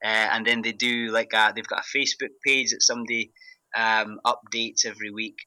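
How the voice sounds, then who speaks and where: Scottish guy w/ broad thick accent, really bright forceful voice, dry sound, chatting in an interview, kinda halting. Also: on the low side, flat delivery, no echo, low-quality recording. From Glasgow, Scotland. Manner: halting, hesitant delivery with repeated words. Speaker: interview guest, parkrun event organiser. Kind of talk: casual interview answers.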